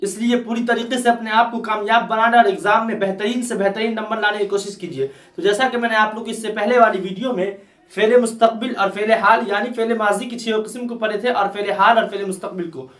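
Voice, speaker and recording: A man teaching a grammar lesson, slowly repeating each example for his students. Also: high voice, a bit bright. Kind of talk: classroom lesson. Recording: echoey room, mic far off.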